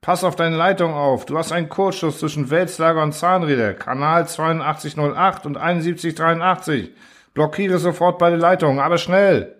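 A man voicing a furious, bossy male engineer who shouts and berates his staff. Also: mid-range voice, lively intonation, normal speed, few pauses, slightly rough.

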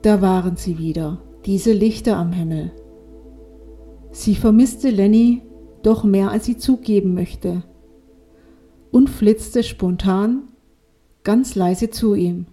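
A woman narrates a children's story in a calm reading voice. She takes her time with every line, and her tone stays mellow and dark. Soft music runs faintly underneath. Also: mid-range voice, takes it slowly, pauses often.

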